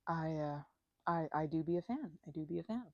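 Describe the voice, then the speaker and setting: In a casual ASMR roleplay, a woman chats like a best friend, rambling informally and often cutting herself off mid-thought. Her voice sits low and sounds animated at a fairly quick pace. The recording is dry and muffled.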